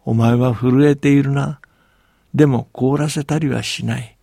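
A man reading a storybook aloud and voicing a huge ancient male giant of the north, who speaks loudly with drawn-out blowing breaths. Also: medium pitch, fairly even intonation, creaky, no room sound, clean studio sound. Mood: kindly, grave.

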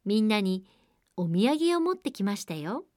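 A woman's voice: mid-range voice, very animated, moderate pace, darkish tone, no room sound, clean studio sound, close to an everyday voice. A woman voicing a cunning, hungry wolf in a storybook reading, coaxing in a falsely sweet voice.

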